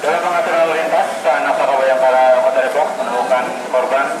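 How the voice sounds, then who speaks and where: A man's voice: medium pitch, fast talker. A man giving a formal, deferential field report in police-radio style. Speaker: scout field volunteer reporting in. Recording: distant, echoey, very loud vehicle noise.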